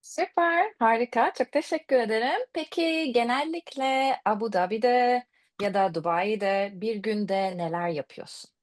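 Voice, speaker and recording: A woman's voice: a little high, a little slow. A woman teaching and interviewing a language student in a friendly, encouraging chat. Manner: encouraging, often affirming the student.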